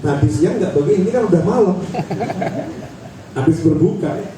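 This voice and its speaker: A man preaching to a crowd with a high, lively voice, swinging from loud urging to low stretched words. He repeats phrases in rhythmic runs. The sound is heavily echoey and from far off, with faint background noise. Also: moderate pace. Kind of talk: Ramadan sermon to a crowd.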